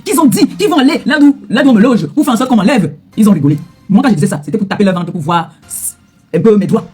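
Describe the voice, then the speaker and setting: Middle-aged woman influencer, rapid-fire and husky, confrontational rant to camera, repeats her retorts, faint music underneath. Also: mid-range voice, animated, darkish tone. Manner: heated, repetitive, confrontational retorts. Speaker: social media influencer. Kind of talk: angry direct-to-camera rant.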